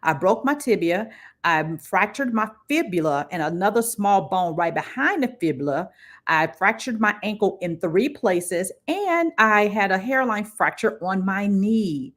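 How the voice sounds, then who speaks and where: Middle-aged woman telling a story, lively. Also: medium pitch, measured pace. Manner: lively storyteller who acts out what people said. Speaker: livestream host and career coach. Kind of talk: casual personal storytelling on a livestream.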